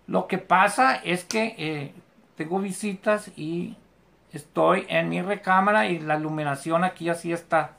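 Teaching a live online English class from a bedroom in their home, this teacher repeats each example patiently, slowly and with care. Their mid-range voice is creaky and has a fairly bright tone.

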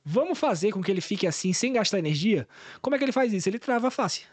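Fast-talking physio explaining. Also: male voice, sits high, lively intonation. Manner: technical, explains step by step. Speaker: physiotherapy guest. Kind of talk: explanatory podcast talk.

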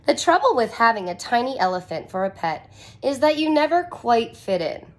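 A teacher in her thirties reads a picture book aloud in a small furnished room, her slightly high voice very animated at a moderate pace. She explains the story expressively using simple phrases suited to young children.

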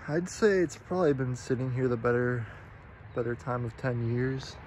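A man exploring an abandoned farmhouse on a handheld phone camera, commenting on what he finds in a curious, low-key way. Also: moderate pace, a little mellow, a little hiss or hum, poor audio. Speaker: urban explorer vlogger. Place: abandoned farmhouse and yard, indoors and out.

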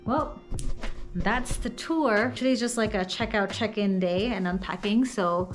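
A woman's voice: medium pitch, echoey room, faint music behind. A woman vlogger chatting delightedly as she shows off a rented apartment indoors. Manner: chatty, delighted, quick asides. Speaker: travel vlogger. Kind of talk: casual tour narration.

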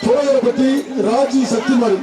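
A man with a very high, keyed-up voice barks out announcements through a loudspeaker, heard echoing from far across an open arena. A roaring crowd and heavy noise surge behind him as he calls out bulls and warns the tamers. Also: normal speed. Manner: excitable, calling out bull names and warnings to tamers. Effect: through a loudspeaker system. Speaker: bull-taming event announcer. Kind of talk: live event commentary over a loudspeaker. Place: outdoor festival arena. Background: loud cheering crowd and noise.

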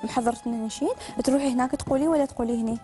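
A woman's voice: high-pitched, rapid-fire, dark tone, faint music behind. A woman hosting a children's studio show, coaxing children with upbeat questions.

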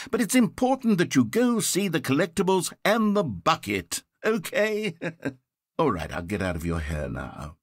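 A male actor voices a video game's narrator as a fussy, theatrical character, polite and fretful, lurching from grandeur to self-doubt. The full character voice is fairly high and breathy. It's captured close on a studio mic in a dry recording.

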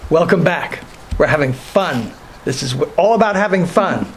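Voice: medium pitch, moderate pace, a little hiss or hum. Host: playful New York TV interviewer. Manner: playful, joking, animated. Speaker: TV talk show host. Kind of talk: casual TV interview.

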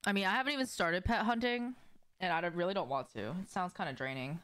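Chatting with her livestream audience as she games, this young woman is loose, full of slang, and quick to swear. She talks fast in a lowish, smooth, fairly bright voice, seated indoors in a small room at home lined with shelves.

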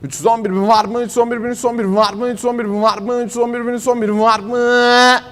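A man calls an auction in a strikingly high-pitched voice. He repeats bids in a chant-like auctioneer's manner, and long reverb from a hall trails his words. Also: little pitch movement, fast talker, fairly bright tone. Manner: repetitive chanting bid calls. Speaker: car auctioneer.

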